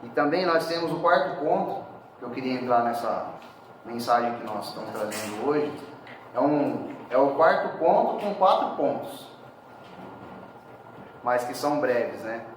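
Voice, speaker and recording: Preacher in a very echoey hall. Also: male voice, medium pitch, measured pace, long pauses, slight background noise. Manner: conversational, often adds tag questions. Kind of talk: sermon. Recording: very echoey hall, speaker far from mic.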